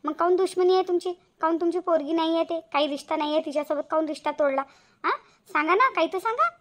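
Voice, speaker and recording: A woman voicing a loud, quarrelsome middle-aged village auntie in a cartoon, firing off demanding questions. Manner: demanding, shrill, rapid-fire questions. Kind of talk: cartoon voice acting.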